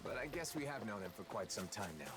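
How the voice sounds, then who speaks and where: A calm, agreeable game party member, heard as quiet game audio from far off. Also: medium pitch, quick pace, husky.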